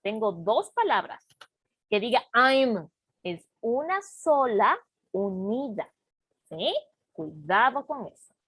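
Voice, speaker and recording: A woman teacher walks her class through grammar at an unhurried pace. Her voice sits a little high. She keeps checking that everyone follows, and the recording is dry and close. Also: very animated, fairly bright tone, slightly rough, no echo. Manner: slow, patient explaining with frequent check-ins. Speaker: English teacher. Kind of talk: online class lesson.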